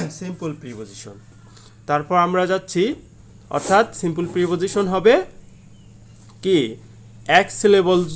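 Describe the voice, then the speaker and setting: A man teaching an English grammar lesson with a Bangladeshi accent, who explains slowly, reads example sentences word by word and answers his own questions, clearing his throat often. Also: a little high, slight background noise. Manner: frequent throat clearing and "ah" fillers.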